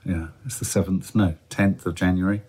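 A man in his fifties, a father co-hosting a parenting podcast in casual chat, with a wry, teasing manner and quick asides. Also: sits low, steady tone, darkish tone, breathy edge.

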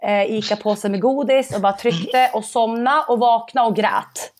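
A young adult woman, a padel player, telling a story in a casual interview and acting out the conversations she recounts. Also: a little high. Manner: animated storytelling, acts out quoted dialogue.

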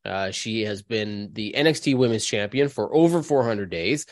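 A man's voice: on the low side, animated, normal speed, no echo, studio quality. A man hosting a podcast, talking through news in a casual, conversational way. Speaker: podcast host.

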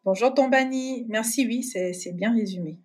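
A middle-aged woman, an entrepreneur appearing as a podcast guest, speaks over a remote call in a slightly high, husky voice with a darkish tone. She talks at a moderate pace but hesitantly, full of fillers and restarts.

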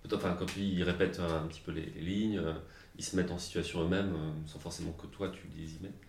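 A man with a very low voice asks long, winding interview questions with many fillers. The sound is roomy and echoey, with faint clicks behind him. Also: fairly even intonation, quick pace, a little mellow, a little hiss or hum.

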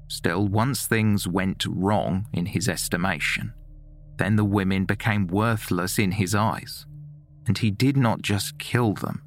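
A man reading a scripted true-crime narration in a measured, sober way. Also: deep voice, a bit bright, a little hiss or hum.

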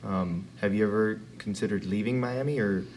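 A man's voice: lowish voice, moderate pace, a little mellow, slight background noise. A man asking questions in a casual, easygoing interview.

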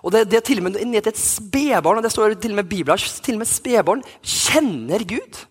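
A man's voice: high voice, animated, slightly rough. A man in his thirties, a youth pastor, telling a personal story in a sermon with many restarts and fillers. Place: church hall.

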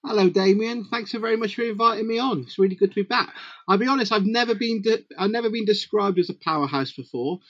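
Halting middle-aged man, dull dry recording. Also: high voice, fairly bright tone, dry recording. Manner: halting, repeats words as he goes. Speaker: podcast guest, comics publisher. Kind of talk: casual interview chat.

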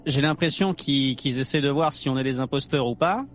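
A man's voice: medium pitch, fairly quick, a bit bright. A man playing a tabletop role-playing game, hesitant and full of fillers, laughing easily. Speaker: player. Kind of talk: casual play chat.

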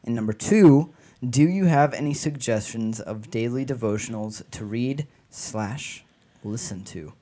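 A man's voice: medium pitch, unhurried, mellow, close to an everyday voice. A man reading a listener's letter aloud in a put-on British accent, playing a friendly young British man and hamming it up. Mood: earnest. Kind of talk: casual podcast chat.

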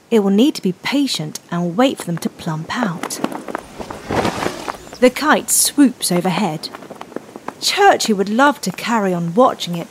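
A woman narrating a scripted children's story with gentle relaxation guidance, in an expressive, gentle manner. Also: fairly high pitch, a little hiss or hum. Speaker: children's storyteller leading a guided breathing exercise.

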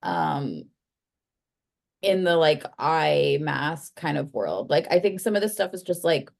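A woman with a notably low voice co-hosts a podcast, chatting loosely and breaking off into "like" and "um." She sounds easygoing and conversational. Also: sing-song, takes it slowly, vocal fry. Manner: chatty, hesitant, with laughs. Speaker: podcast co-host. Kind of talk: casual chat.

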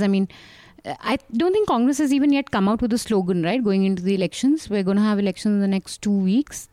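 A woman's voice: mid-range voice, mellow, no echo. A woman with an Indian accent speaking as a panelist in a casual political discussion.

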